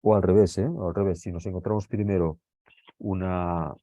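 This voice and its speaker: A man's voice: low-pitched, steady tone, normal speed, warm tone, dry recording. A male teacher from Spain giving a grammar lesson, explaining patiently step by step and often checking in with his listeners. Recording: dull lo-fi recording.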